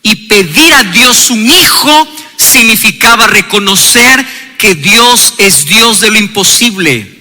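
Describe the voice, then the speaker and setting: A male pastor preaching a sermon, calling for responses from the congregation and building up to shouts. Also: sits high, expressive, slow, in a large hall, faint music behind.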